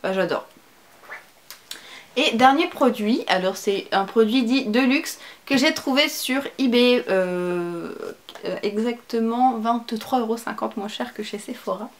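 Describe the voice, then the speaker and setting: A woman's voice: on the high side, a little slow. A young woman chatting casually through a make-up favorites review, full of fillers and casual slang. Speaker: beauty vlogger.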